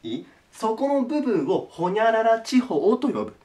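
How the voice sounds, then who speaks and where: A hoarse man with a sore throat, teaching a recorded geography lesson politely and slowly, checking in with his students as he goes. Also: high voice, big pitch swings, dark tone.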